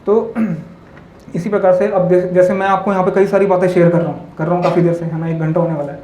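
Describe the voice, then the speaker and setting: A monk with a high, warm voice that has little pitch movement talks quickly during a spiritual talk in a hall with a live audience. The recording is echoey with faint ambience. He relates parables and stories, mixes in English words, and keeps asking the audience tag questions.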